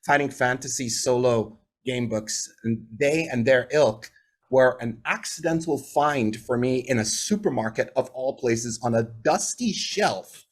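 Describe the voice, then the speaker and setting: Speaking a little slowly in a mid-range voice, a Bahraini man in his forties, a native English speaker, is the guest on a video-call interview. He tells stories in a chatty, winding way, often ending points with "right?".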